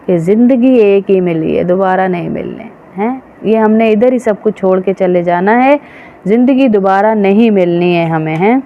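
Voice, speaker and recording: A woman religious teacher preaching a sermon to women, emphatic and full of rhetorical questions. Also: medium pitch. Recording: dull, slightly noisy recording.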